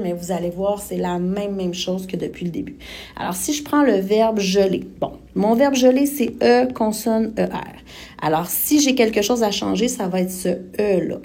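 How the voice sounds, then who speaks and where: Gravelly-voiced Québécois woman teaching grammar. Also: medium pitch, warm tone. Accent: Québécois French. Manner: spells out letters and endings step by step, patient and explanatory. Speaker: French teacher. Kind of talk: recorded grammar lesson.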